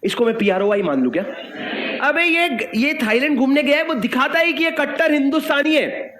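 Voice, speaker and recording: A man with an Indian accent teaching tax law in a lively, jokey lecture, acting out little dialogues and calling his students sir. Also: very high voice, normal speed. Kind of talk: animated classroom lecture. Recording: echoey room with faint background noise.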